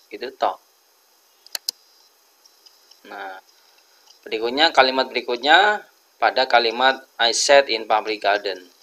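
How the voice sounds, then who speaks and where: A man with an Indonesian accent teaching English grammar, explaining each example slowly and deliberately. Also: medium pitch, sharp tone. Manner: slow, deliberate, switches between two languages.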